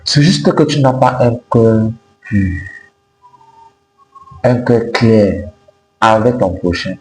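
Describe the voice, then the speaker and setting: Slow-talking man. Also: on the low side, lively intonation, a little mellow, faint music behind. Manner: emphatic, repetitive, didactic. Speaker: self-help video host. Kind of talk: motivational advice to camera. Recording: roomy echo with faint noise and hum.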